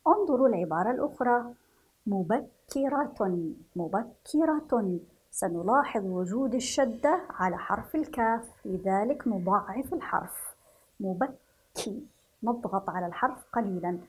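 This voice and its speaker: Breathy lady teacher drawing out words for little kids, kinda high voice. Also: lively intonation, low-quality recording. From Yemen. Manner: slow, drawn-out syllables for children, praising softly. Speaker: primary school teacher. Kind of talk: children's reading lesson.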